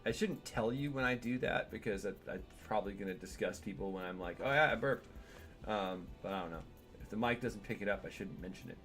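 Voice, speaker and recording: A man streams a game from home, chatting in a wandering way and talking to his cat while he plays. He speaks quickly in a lowish voice, with faint music behind him.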